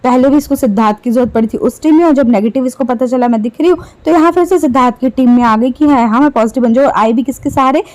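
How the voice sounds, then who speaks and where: A woman's voice: high voice, fast, few pauses, darkish tone, low-quality recording. A woman giving casual, sarcastic gossip commentary on reality show clips, taunting the people she talks about.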